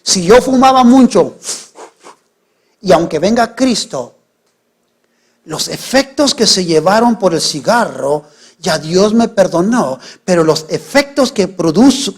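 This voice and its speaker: A middle-aged man preaches from the pulpit in a high voice. He drops to near whispers, then rises into loud, stressed calls. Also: lively intonation, a little slow. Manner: preaching with sudden swings from hushed to loud. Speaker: pastor. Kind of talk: sermon.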